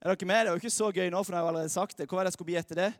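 A young man, a youth pastor, gives a lively, chatty sermon to young people, joking with the audience. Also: sits high. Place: church hall. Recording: dry close mic with long hall reverb.

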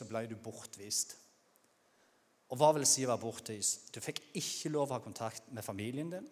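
Male preacher, Norwegian accent, mid pitch, chatty sermon delivery with acted outbursts, long hall reverb. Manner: conversational preaching, acts out shouted cries.

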